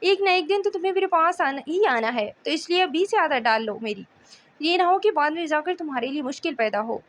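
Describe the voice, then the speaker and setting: A woman's voice: high-pitched, expressive, brisk, a little hiss or hum. A woman reading the lines of an affectionate, teasing young husband in an audiobook novel, coaxing and tender.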